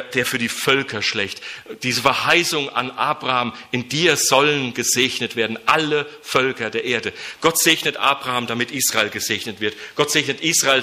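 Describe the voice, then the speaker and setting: Bright-voiced fervent male preacher. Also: medium pitch. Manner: emphatic, rising to fervent peaks with repeated phrases. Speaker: preacher and mission leader. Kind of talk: sermon.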